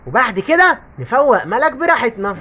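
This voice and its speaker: A fussing, jumpy father of two girls played by a woman, with an Egyptian Arabic accent. The voice swoops lively and rushes along, a bit high, in a children's cartoon skit. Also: exaggerated voice. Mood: worried. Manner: fussing, exclamatory.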